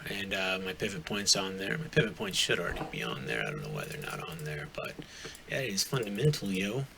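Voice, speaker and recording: A man's voice: low voice, very animated, a little fast, creaky, a crowd in the background. A man hosting a live trading stream, casually thinking aloud through charts with lots of fillers and restarts. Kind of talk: live forex chart walkthrough. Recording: noisy live stream audio.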